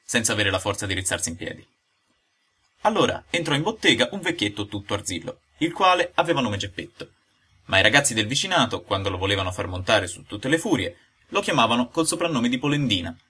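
A male audiobook reader narrates a classic tale with a lively, rising and falling delivery. His voice is bright and a bit husky, at a middling pitch. The telling stays animated from line to line. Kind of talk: scripted narration.

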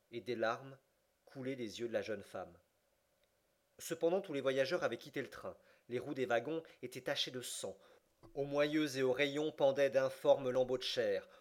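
A man narrating an audiobook of a classic novel, slowing down for the dramatic passages. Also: mid-range voice.

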